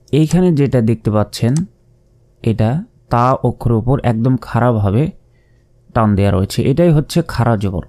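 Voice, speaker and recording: A man's voice: mid-range voice, dark tone. A man teaching Quran reading in a step-by-step lesson, patiently explaining and repeating letters and their sounds aloud. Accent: Bangladeshi Bengali.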